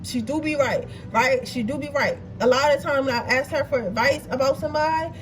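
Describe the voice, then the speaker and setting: Through a distant mic with a noisy background comes a high-voiced woman reading tarot, speaking fairly quickly. She's chatty and blunt, swears freely, checks in with her viewers, and sounds a bit stuffy in the nose.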